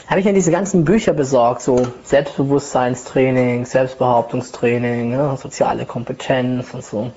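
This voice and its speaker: A woman's voice: a bass voice, fairly even intonation, moderate pace, hardly any pauses, mellow, highs cut off, slight background noise. Chatty woman giving a self-help talk. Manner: conversational, tag questions, acts out inner voices. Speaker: personal development speaker. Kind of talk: lecture with personal anecdote.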